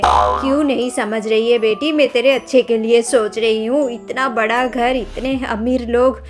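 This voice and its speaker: A woman voicing a scheming, boastful middle-aged village stepmother in a cartoon story, sharp-tongued and scolding. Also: on the high side. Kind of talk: Hindi cartoon story voice acting.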